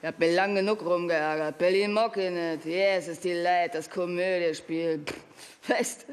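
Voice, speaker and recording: A woman's voice: fairly low pitch, fairly even intonation, unhurried, close to an everyday voice. A woman playing a coquettish young actress. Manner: coquettish, dialect-colored. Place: theatre stage.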